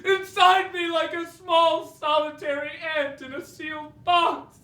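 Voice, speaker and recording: A yearning, impatient young man pleads and declaims in a slow, high, bright voice, acted by a woman on stage. The recording is roomy and taken from far back in the theatre. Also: fairly even intonation, exaggerated voice. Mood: urgent. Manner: declamatory, urgent. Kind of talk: stage play acting.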